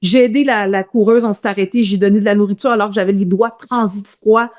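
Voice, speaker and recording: Quick and mid-range in voice, this Quebec French–accented woman is a runner telling a guest's stories in an informal interview. She's animated and frequently restarts her sentences.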